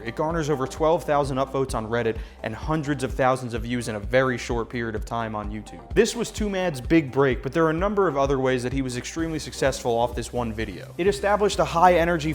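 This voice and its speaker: A man giving scripted video essay narration with informal, colloquial wording. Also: on the high side.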